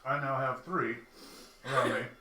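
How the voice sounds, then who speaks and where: A man with a mid-range voice speaks haltingly as a player at a tabletop game. He is caught from across an echoey room, with audible noise in the background. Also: mid-range voice, pushed and bright, recorded from a distance. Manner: hesitant, halting. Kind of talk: casual play at the table.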